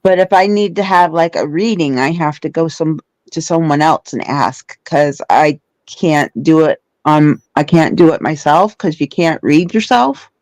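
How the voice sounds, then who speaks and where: A woman's voice: sits low, a little slow, few pauses, darkish tone, no echo, rough recording. A woman guest chatting casually, hesitant and often searching for her words. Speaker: guest who gives readings. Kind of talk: casual chat.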